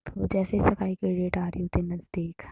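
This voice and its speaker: A woman telling a story in a casual, conversational and hushed way. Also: fairly low pitch, little pitch movement, moderate pace, creaky, breathy edge, no echo.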